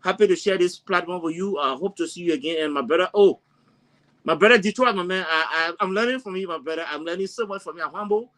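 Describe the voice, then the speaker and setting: High-voiced emphatic man. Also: fast talker, fairly bright tone. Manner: emphatic, repeats words while searching. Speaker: panelist, college teacher. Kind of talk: passionate panel commentary.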